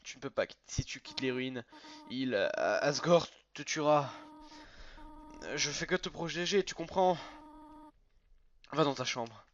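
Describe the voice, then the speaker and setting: A man's voice: on the high side, a little slow, pauses often, natural voice. Toriel, a man reading a motherly goat guardian. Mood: grave, gentle. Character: gentle motherly goat woman guardian, protective. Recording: dull lo-fi recording, faint game music.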